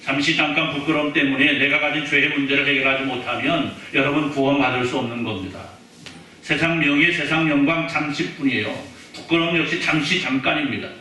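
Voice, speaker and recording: A male pastor preaches in a chatty, joking manner, turning again and again to the congregation with questions. His voice is bright and forward. It rings through a very echoey church hall, caught by a distant mic over faint room noise. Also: fairly high pitch, steady tone, brisk. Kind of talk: sermon. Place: church sanctuary.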